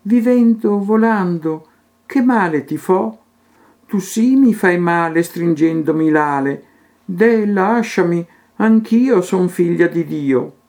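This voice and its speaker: A man's voice: high voice, animated, slow, darkish tone, voice pushed up, full character voice. A man voicing a small, frightened female butterfly that pleads in a raised, sing-song recitation of rhyming verse. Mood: pleading.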